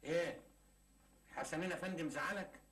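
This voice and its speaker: An actor with an Egyptian accent playing a cheeky office clerk who keeps teasing and joking in a TV sitcom. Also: male voice, a little high, a little fast, a bit bright, close to an everyday voice. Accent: Egyptian Arabic. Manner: teasing, joking, laughs at his own jokes. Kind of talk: 1980s Egyptian TV sitcom acting.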